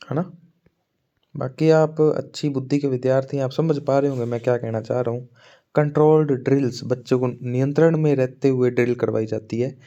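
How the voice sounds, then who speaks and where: A male exam-prep teacher lectures in a relaxed, mellow mid-range voice. He keeps checking in with his students and reads the English points out slowly before explaining them. The recording sounds a little dull and lo-fi. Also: mid-range voice. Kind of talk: Hindi lecture on teaching methods.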